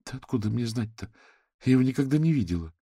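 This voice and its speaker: A man's voice: mid-range voice, expressive, fast, mellow, slightly rough, no echo, studio quality, voice pushed up. A man voicing a tired young mother who speaks tearfully and pleadingly in an audiobook.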